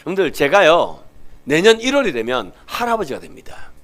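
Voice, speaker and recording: A middle-aged man preaches a Sunday sermon, telling a family story. His voice sits a bit high and rises and falls very widely. He is animated and lively, moving between quiet and loud passages. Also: brisk. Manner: animated, swings from soft to loud, playful baby talk in quotes. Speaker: pastor.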